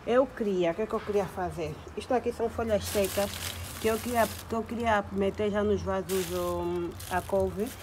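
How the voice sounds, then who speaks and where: A woman's voice: mid-range voice, moderate pace, noisy background. Tired young woman vlogging on her phone. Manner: chatty, addresses viewers as sisters. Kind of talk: casual chat to camera. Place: apartment and plant-filled balcony. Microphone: phone at arm's length.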